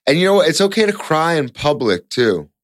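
A man's voice: fairly high pitch, very animated, brisk, no echo, clean studio sound. A young Canadian man hosting a casual podcast chat, emphatic, repeating points and swearing freely. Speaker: podcast host.

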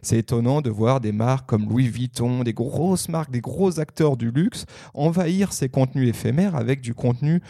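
A man's voice: medium pitch, moderate pace, creaky, few pauses, dark tone, no echo, studio quality. A man co-hosting a casual podcast discussion, talking in a hesitant way with many fillers and restarts.

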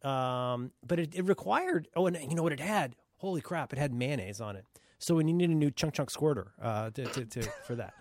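Male podcast co-host, lively swearing storyteller, dry close mic. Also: on the high side, normal speed, no echo. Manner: animated storyteller, laughs often, swears freely. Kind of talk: casual chat.

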